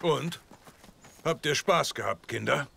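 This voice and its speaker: A man's voice: on the high side, slow, gravelly, fairly bright tone, slight background noise, exaggerated voice. A man voicing a cautious, anxious badger father in a cartoon, with a hesitant manner. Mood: concerned. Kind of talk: cartoon voice acting.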